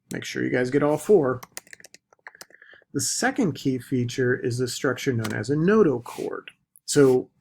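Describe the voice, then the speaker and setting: A man teaching a recorded biology lecture, deliberately stressing the key terms. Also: medium pitch, gravelly, a little mellow, slightly rough. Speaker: biology instructor.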